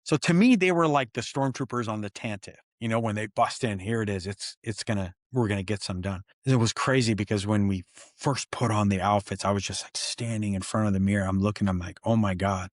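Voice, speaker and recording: A man, a stuntman guest, telling set stories in an excited, animated way and acting out quoted dialogue. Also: on the low side, fairly quick, hardly any pauses, no room sound, clean studio sound. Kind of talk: animated storytelling interview.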